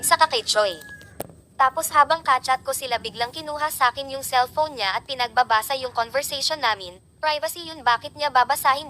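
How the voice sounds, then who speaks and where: A woman telling, in the first person, how she was accused and pressured at work, in a steady, recounting manner. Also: high-pitched. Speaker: complainant telling her story. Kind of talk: first-person account, read aloud.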